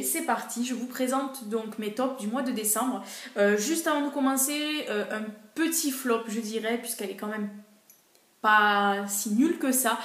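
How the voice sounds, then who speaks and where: A woman's voice: on the high side, reverberant. A woman vlogger casually reviewing her monthly beauty favorites, chatty and hesitant, with frequent fillers.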